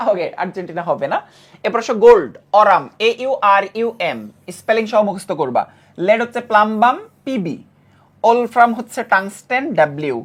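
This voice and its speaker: A woman teaching a chemistry lesson who repeats key terms and keeps checking that students follow. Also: medium pitch. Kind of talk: classroom lecture.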